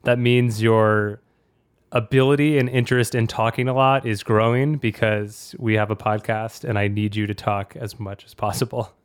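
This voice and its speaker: A man's voice: fairly low pitch, flat delivery, normal speed, smooth, no echo, clean studio sound. A man hosting a podcast in a casual, fluent, talkative way. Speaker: podcast host.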